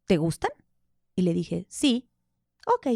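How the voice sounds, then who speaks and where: A woman, a podcast guest telling candid personal stories in an animated way, acting out the dialogue. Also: lowish voice, slow, gravelly, no room sound, studio quality. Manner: animated, laughs often, acts out quoted dialogue. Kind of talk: candid conversational storytelling.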